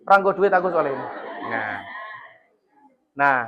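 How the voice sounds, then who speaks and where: A man with a Javanese accent giving a lively parenting talk to parents at a school, joking with them and acting out parents and children. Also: fairly high pitch, measured pace, highs cut off. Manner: jokes with the audience and acts out parents and children. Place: school hall with a parent audience.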